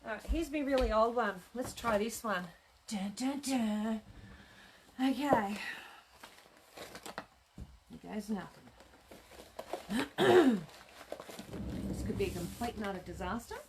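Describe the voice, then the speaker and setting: Demonstrating her sewing live from home on a tablet stream, a craft shop owner chats, mutters to herself while working, and responds to viewer comments. Her voice is fairly high. Noise fills the background.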